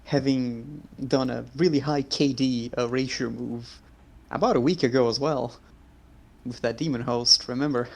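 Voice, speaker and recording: A man's voice: medium pitch, fairly even intonation, normal speed, vocal fry. A man playing a tabletop game, chatting casually and earnestly as he thinks aloud, with gamer slang. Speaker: player.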